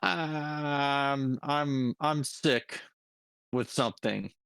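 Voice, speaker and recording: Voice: mid-range voice, steady tone, extremely slow, fairly bright tone, clean tone, dry recording. A tabletop player voicing a sick young man who pleads with his mother for help. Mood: pleading.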